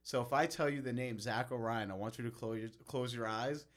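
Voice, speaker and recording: Male podcast host, casual chat, eager, agreeing, mid pitch. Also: a little fast. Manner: eager, agreeing and egging the guest on.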